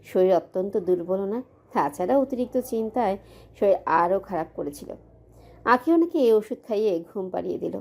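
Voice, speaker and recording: A woman narrating a Bengali audio story with a steady storytelling delivery. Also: mid-range voice, moderate pace.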